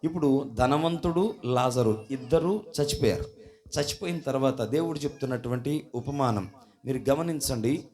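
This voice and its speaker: At a church service, a man with a mid-range voice preaches at a moderate pace. He keeps questioning the congregation and calling for responses, with sudden swings from loud to soft.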